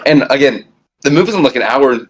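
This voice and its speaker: A young man, co-host of a casual fan podcast, talking excitedly with many restarts, recorded on a phone with low-quality stream audio. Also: quick pace, breathy edge. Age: young adult.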